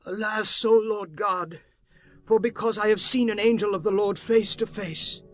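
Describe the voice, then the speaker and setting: Anxious high-voiced young man. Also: fairly even intonation, normal speed, a bit bright, faint music behind. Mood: alarmed. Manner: earnest, pleading, archaic diction. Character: anxious, doubting young man pleading with God. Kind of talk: dramatized scripture acting.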